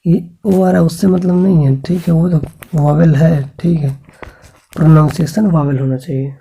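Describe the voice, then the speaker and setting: A man's voice: on the high side, steady tone, normal speed, gravelly, warm tone, slightly rough, rough recording. A man teaching an English grammar lesson to school students. He patiently spells out sounds, keeps checking in with the class, and asks questions that he then answers himself.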